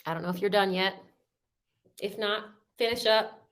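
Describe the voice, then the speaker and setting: Over a video call, a woman leads a workshop, offering upbeat, encouraging step-by-step instructions. She has a mid-range, slightly bright voice and speaks at a moderate pace.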